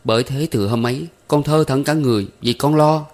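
A man's voice: mid-range voice, fairly quick, darkish tone, voice pushed up, lightly acted. A man voicing an anxious young man who humbly pleads with his elders. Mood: pleading.

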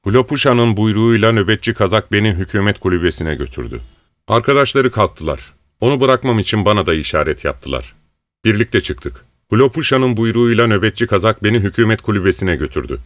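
A man narrating an audiobook in a steady storytelling manner, raising his voice for quoted characters. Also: fairly low pitch, a little fast, no echo. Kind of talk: scripted narration.

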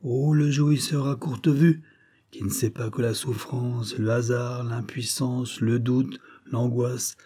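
A man's voice: mid-range voice, warm tone, close to an everyday voice. A man voicing a scornful, ranting atheist who mocks the idea of progress, declaiming fiercely.

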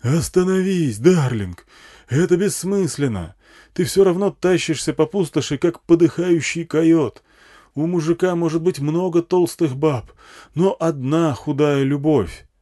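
A man's voice: on the high side, unhurried, mellow, voice pushed up, lightly acted. A man reading an audiobook voices a crude wasteland gang boss who bellows pleas and insults at his wife over a megaphone.

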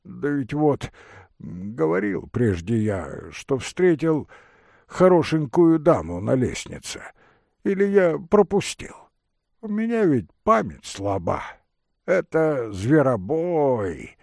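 A man's voice: medium pitch, big pitch swings, slow, vocal fry, a little mellow, no room sound, studio quality, voice pushed up, exaggerated voice. A man reading an audiobook, voicing a forgetful, doddering old husband who rambles in a singsong way and keeps losing his thread. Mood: rambling. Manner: rambling, singsong, easily sidetracked. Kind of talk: audiobook character voice.

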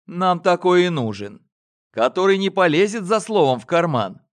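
A man voicing a shrewd, calm elder male telepath in an audiobook. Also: high-pitched, normal speed, pitched above the performer's own voice. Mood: measured, commanding. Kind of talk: audiobook character voice.

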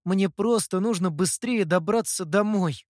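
Casting: defiant, desperate youth, put on by the reader, high-pitched and loud, dry close sound. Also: measured pace, no room sound, close to an everyday voice. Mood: sullen. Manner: shouting, defiant. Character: desperate, angry young man.

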